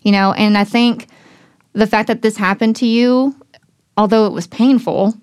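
A woman's voice: a little high, fairly even intonation, moderate pace, a little mellow, clean tone, no room sound, studio quality. A woman hosting a faith podcast, talking in an encouraging, affirming, conversational way. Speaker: podcast host. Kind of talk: casual faith podcast chat.

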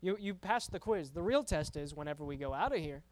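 A man's voice: a little high, expressive, fairly quick, a little mellow. A man preaching to a youth group in a casual, conversational way, often repeating words and checking in with "right?". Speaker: youth pastor.

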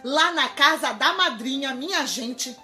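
A woman telling a children's story from home, speaking to her young listeners directly and playing up each beat. Her voice sits high and she takes her time, stretching the telling slowly. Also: faint music behind. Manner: animated, talks to the audience.

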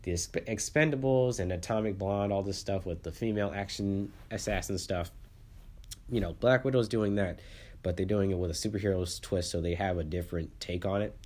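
A man with a low voice hosts a casual solo movie podcast. He sounds congested and sniffly from the flu. His delivery rambles, with stammered restarts and repeated words. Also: fairly quick, a little mellow.

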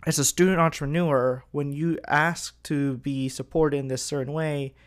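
A young man hosting his own podcast, talking in a subdued, somewhat monotone and reflective way. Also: on the high side, moderate pace. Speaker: podcast host. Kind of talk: casual solo podcast talk.

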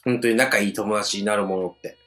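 A man in his thirties co-hosting a podcast in casual chat, teasing his partner and jumping up high when he protests. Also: steady tone, fairly quick, a bit bright. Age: 30s. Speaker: podcast co-host. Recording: echoey room with faint music behind.

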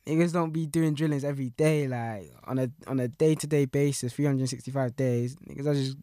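Here a young adult speaks in a steady, warm, mid-range voice at a brisk clip, recorded clean in a studio with no room sound. In a London roadman accent, Multicultural London English, he chats about music in slangy street talk, frequently repeating himself.

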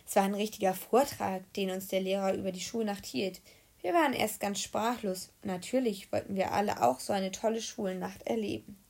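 Gravelly woman reading a children's story. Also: medium pitch, brisk. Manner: lively, humorous read-aloud. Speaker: narrator.

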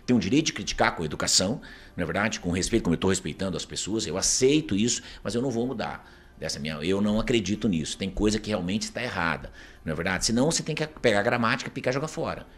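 A Brazilian man with a Paraná accent, speaking in a lowish, animated, racing voice, is an interview guest offering opinionated commentary. He argues his views emphatically and keeps asking rhetorical questions like "isn't it true?".

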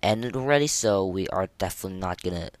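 A man with a low, expressive voice hosts a casual solo gaming podcast. His speech is halting, and he often stumbles and repeats words. The recording is dry.

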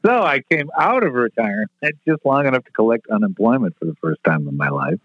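His mid-range voice has a sing-song lilt and a brisk pace as this sixty-something retired stage manager tells profane, brash stories. It's a casual storytelling interview, captured dry on a tinny phone-style line with no room sound.

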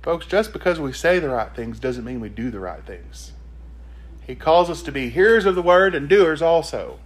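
A male preacher delivers a sermon with a high voice that leaps up and down. He leans hard on key words and keeps asking the congregation rhetorical questions. His reading of scripture flows straight into plain exhortation. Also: animated, moderate pace.

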